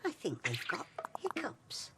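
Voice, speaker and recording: A fretful, bumbling gentle creature. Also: male voice, high voice, wildly swooping pitch, measured pace, heavy background noise, exaggerated voice. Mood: worried. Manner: fretful and mild. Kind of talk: children's cartoon voice acting. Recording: music over dialogue.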